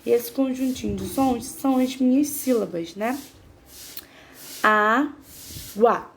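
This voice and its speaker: Patient woman teacher, higher voice. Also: creaky, warm tone, slight background noise. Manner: patient, spells out syllables slowly; asks the class questions. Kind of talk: Portuguese grammar lesson.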